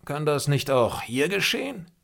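A man doing a high, shouting angry chief. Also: very animated, normal speed, vocal fry, heavily acted. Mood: wary. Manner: loud, high, forceful outbursts. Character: angry male Native chief, shouting, proud. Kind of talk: audiobook character reading.

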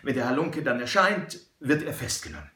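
A man voicing an excitable, cheated middle-aged banker who pleads and hesitates with little ums. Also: medium pitch, brisk, reverberant. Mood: anxious.

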